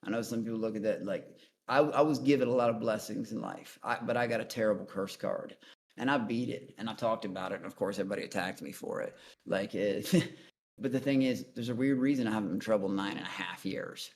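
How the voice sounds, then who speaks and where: A man's voice: fairly low pitch, brisk, slight background noise. A man guest on a call-in interview, telling his story in a blunt, profane, rambling way. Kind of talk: casual storytelling.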